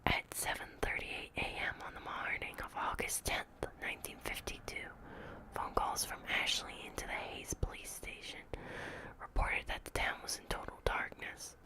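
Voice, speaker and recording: A woman reading a horror story as whispered ASMR, in a hushed, creeping, measured manner like someone giving an official report. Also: low-quality recording. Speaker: ASMR reader.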